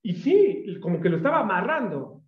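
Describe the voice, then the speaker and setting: Animated Mexican pastor, high voice, echoey. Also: male voice, moderate pace, narrow, tinny audio, crowd noise. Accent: Mexican Spanish. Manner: animated, acts out quoted voices. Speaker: pastor and teacher. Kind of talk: sermon with storytelling.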